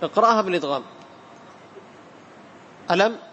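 A man teaching Quran recitation in a classroom, patiently quizzing students and chanting verses slowly. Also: high voice, expressive, sharp tone, highs cut off. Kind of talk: classroom tajweed lesson. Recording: hall reverb, faint room noise.

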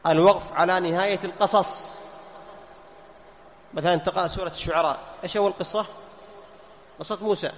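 High-voiced male teacher in a reverberant hall. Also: steady tone, fairly quick, pauses often. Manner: quizzes listeners with questions and answers them himself, repeats key terms. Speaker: teacher of Quran recitation. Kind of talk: classroom lesson. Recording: long reverb, faint background noise.

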